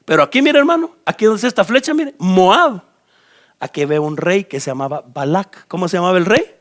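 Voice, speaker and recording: A man's voice: sits high, a little fast. A man from Guatemala with a Guatemalan accent, preaching a sermon as pastor and talking straight to his listeners while pointing at a map. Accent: Guatemalan Spanish. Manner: animated, addresses listeners directly and points at a map.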